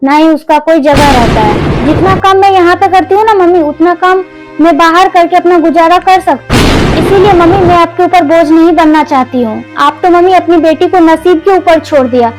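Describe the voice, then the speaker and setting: Young woman, fed-up daughter in a family soap, high voice, earnest and firm, faint music under it, as an actress plays her. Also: moderate pace. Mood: resolute. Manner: earnest, pleading then resolute. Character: young woman back at her mother's home, determined. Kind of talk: Hindi family drama acting.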